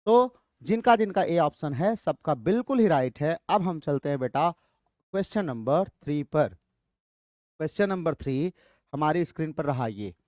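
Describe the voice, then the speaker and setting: Guy teaching a lit quiz, slightly high voice, dry close sound, reads english options real slow. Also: animated, darkish tone, no room sound. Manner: reads English options slowly, then explains briskly in Hindi; addresses students as bachhon and beta, urges quick answers. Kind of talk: quiz lesson in Hindi mixed with English.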